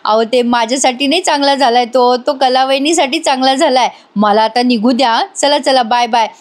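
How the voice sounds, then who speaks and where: A woman's voice: sits high, normal speed, natural voice. A woman doing a jittery young man. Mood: nervous. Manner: nervous, pleading.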